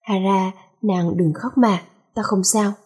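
A woman voicing a possessive, commanding young male emperor in a read-aloud story, in a mellow, husky voice. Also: medium pitch, steady tone, slow. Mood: tender.

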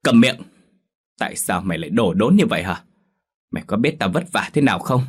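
A man's voice: low voice, brisk, husky. A man voicing a weary, hard-working mother who frets over and scolds her daughter in a Vietnamese audio story. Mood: scolding. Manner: scolding, anxious. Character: worn-out older mother, strict when pushed.

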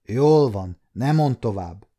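Bossy sneering noble guy, raised pitch, pushy loud, man doing the voice. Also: expressive, lightly acted. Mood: domineering. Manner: commanding, sneering. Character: scheming nobleman, domineering and mocking.

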